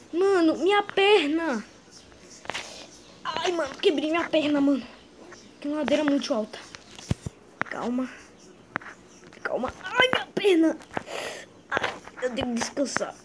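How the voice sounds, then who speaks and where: A woman's voice: sits high, expressive, slow, long pauses, very noisy. A woman playing a young male green dinosaur on the run in a game, talking to himself in a chatty, slangy way. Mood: hurting. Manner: chatty, slangy, talks to itself. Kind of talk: in-character game role-play.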